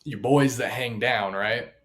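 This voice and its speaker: A man's voice: medium pitch, a little slow. A young man co-hosting a casual chat, telling funny stories and acting out the quotes. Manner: animated storyteller, acts out quotes. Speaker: podcast co-host.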